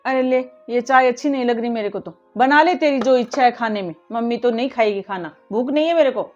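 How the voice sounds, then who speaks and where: A woman's voice: on the high side, fast talker, lightly acted. A woman playing an aggrieved mother-in-law who complains and scolds in a family drama. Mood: indignant. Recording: dull lo-fi audio with faint music.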